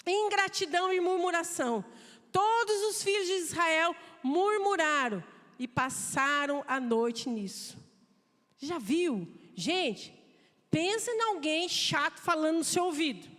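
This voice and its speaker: High-voiced woman preaching in a hall. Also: measured pace. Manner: lively, conversational preaching with acted quotes. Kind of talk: sermon. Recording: long reverb of a church hall.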